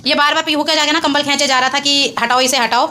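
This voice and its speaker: A woman's voice: sits high, fairly even intonation, quick pace, bright, forceful tone, slight background noise. A mother filming a casual home vlog indoors on a phone, chatting to her viewers and coaxing her children along. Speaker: vlogger, mother.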